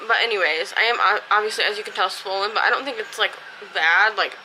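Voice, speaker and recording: A woman's voice: medium pitch, quick pace, pushed and bright, slight background noise, poor audio. An American woman vlogger chats casually and candidly to camera, rambling a little, with a sore, swollen mouth after dental surgery. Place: at home.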